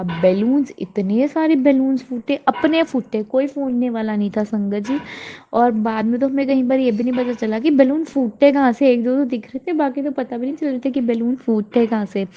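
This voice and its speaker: A woman's voice: medium pitch, highs cut off. A young woman in her twenties sharing a heartfelt devotional testimony at home, earnest and grateful, repeating her thanks. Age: 20s. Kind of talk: devotional testimony, casual chat. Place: at home before a shrine.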